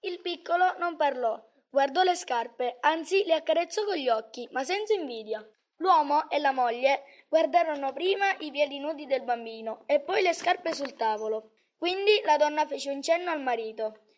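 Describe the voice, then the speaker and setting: High-voiced woman reading a storybook. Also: animated, normal speed. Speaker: narrator.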